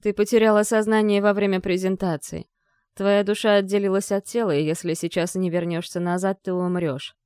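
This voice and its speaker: A woman's voice: mid-range voice, level tone, brisk, a little mellow, smooth, dry recording, clean studio sound, natural voice. A woman voicing a young man who speaks firmly and decisively, urging the heroine. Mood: firm, urgent. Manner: firm, decisive, commanding. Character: stern, urgent young man, the heroine's boyfriend. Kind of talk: audiobook character voice.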